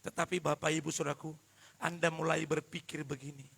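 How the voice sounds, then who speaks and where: A man preaching a live worship sermon, joking with the congregation and swinging from quiet asides to shouted emphasis. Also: a little high, little pitch movement, fairly quick, vocal fry, slightly rough. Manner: addresses the congregation directly and often. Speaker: pastor.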